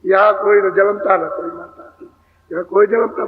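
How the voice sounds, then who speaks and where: A man giving a devotional sermon, explaining verses slowly and repeating phrases as he teaches. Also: sits high, fairly even intonation, slight background noise. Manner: slow, repetitive expository preaching, prompting chanters. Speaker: spiritual teacher giving satsang. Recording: echoey hall over a tinny lo-fi line.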